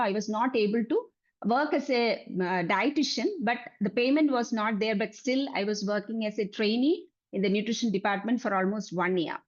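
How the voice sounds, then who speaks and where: A woman's voice: fairly high pitch, lo-fi sound. A woman in her forties from Kerala with a Malayali accent, giving a personal presentation about her working life as a dietitian. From Kerala, India. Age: 40s. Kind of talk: personal presentation recounting a career journey.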